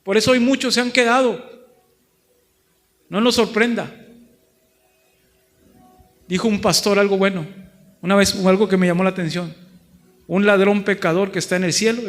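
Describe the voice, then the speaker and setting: High-pitched northern Mexican pastor preaching. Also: male voice, steady tone, moderate pace, long pauses. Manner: preaches with rising emphatic repetition, acts out dialogue. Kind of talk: sermon. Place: large church hall. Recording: long church hall reverb.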